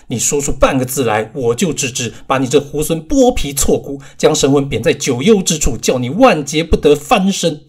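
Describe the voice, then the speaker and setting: Man voicing an old Taoist master, stern, commanding, husky, audiobook. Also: fairly high pitch, sing-song, moderate pace, hardly any pauses. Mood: scolding. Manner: commanding, scolding.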